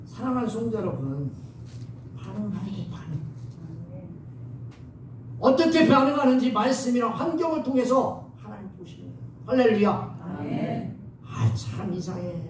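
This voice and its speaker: A man preaching a sermon as pastor, lively and coaxing his congregation to respond. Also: high voice, moderate pace, pauses often. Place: church sanctuary. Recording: echoey church hall from far off, faint noise.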